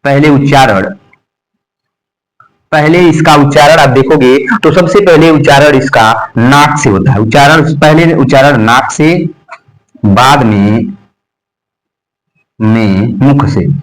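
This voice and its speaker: A man's voice: a little high, a little slow, low-quality recording. A man teaching Hindi grammar, repeating terms and asking and answering his own questions as he drills pronunciation. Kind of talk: classroom lesson.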